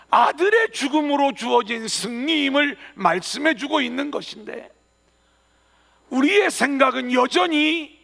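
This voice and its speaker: Male pastor, earnest sermon delivery, very high and gravelly, church hall reverb. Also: bright, forceful tone. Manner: earnest preaching with emphatic rising phrases. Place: church sanctuary.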